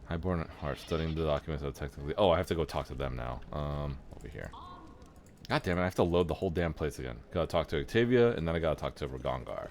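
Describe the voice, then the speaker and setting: Very deep-voiced male streamer. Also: lively intonation, fast, a little hiss or hum. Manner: casual, muttering asides. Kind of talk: game playthrough, reading dialogue aloud. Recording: soft background music.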